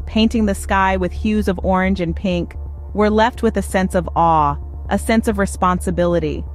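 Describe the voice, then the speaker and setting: A woman reading scripted nature documentary narration in a polished, evocative storytelling manner. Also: lowish voice. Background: music.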